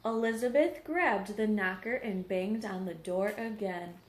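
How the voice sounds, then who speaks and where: In an echoing, roomy home recording with background noise, a woman teacher reads a story to young children, explaining things simply and asking questions to check in. She speaks unhurriedly in a mid-range voice.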